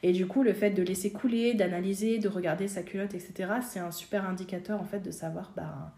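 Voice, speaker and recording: A woman's voice: mid-range voice, fairly even intonation, fairly quick, dark tone, roomy sound. A woman guest in a casual interview, explaining her craft with many fillers and restarts. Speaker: guest, seamstress and designer.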